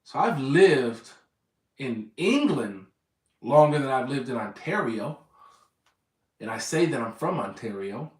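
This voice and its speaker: A man's voice: mid-range voice, very animated, measured pace, pauses often, reverberant, distant mic. An American man from Southern California in his thirties, rambling casually to his viewers and correcting himself as he goes. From Southern California, USA. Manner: meandering, corrects himself often. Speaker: vlogger.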